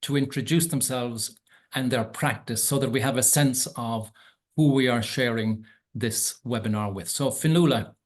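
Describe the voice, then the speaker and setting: An Irish man hosting a bilingual webinar over a video call, measured and earnest, with occasional ums. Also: medium pitch. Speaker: webinar host.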